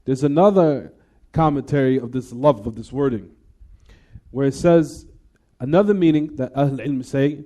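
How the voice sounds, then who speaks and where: The speaker is an Islamic teacher running a hadith class at a normal speed, his mid-range voice mellow. He explains in English, recites Arabic, and frequently puts "what?" questions to the students.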